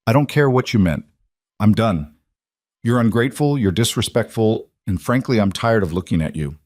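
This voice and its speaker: A man's voice: lowish voice, lively intonation, normal speed, a little mellow, dry recording, clean studio sound. Curt, cold daughter-in-law, as a man reads her lines. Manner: curt, ordering.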